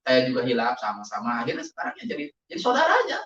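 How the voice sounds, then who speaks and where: Animated blind pastor telling his story. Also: medium pitch, racing, slight background noise. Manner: animated storytelling, acts out quoted exchanges. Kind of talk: testimony interview. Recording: distant, echoey, muffled.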